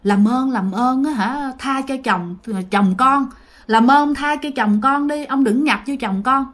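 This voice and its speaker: A woman's voice: sits high, unhurried. A woman voicing a frightened elderly grandmother who begs a spirit for mercy. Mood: pleading. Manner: begging, pleading.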